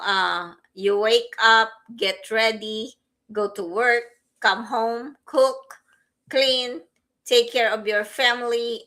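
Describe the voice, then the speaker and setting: A woman's voice: medium pitch, pushed and bright, rough recording. A middle-aged woman from the Philippines co-hosting a casual podcast chat, hesitant and full of fillers and laughs. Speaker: co-host, teacher.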